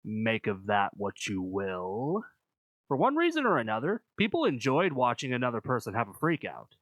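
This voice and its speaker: A man reading scripted video essay narration in a measured, explanatory manner. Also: medium pitch, wildly swooping pitch, fairly bright tone, no room sound.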